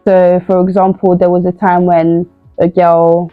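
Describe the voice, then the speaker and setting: A young woman talks through her advice in a casual, rambling way, full of "you know". Her voice sits low, and the sound is tinny and phone-like with no room at all. Faint music plays behind her. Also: monotone, a little slow, no room sound. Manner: casual, repetitive with many fillers, acts out example replies. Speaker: youth crime-prevention speaker. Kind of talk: informal advice talk.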